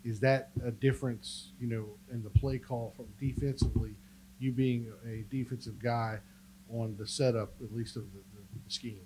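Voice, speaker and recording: A male reporter asks a long, wandering question that loses its thread partway through. His voice is mellow and dark, with faint room noise behind it. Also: mid-range voice, steady tone, normal speed, poor audio. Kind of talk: press conference question.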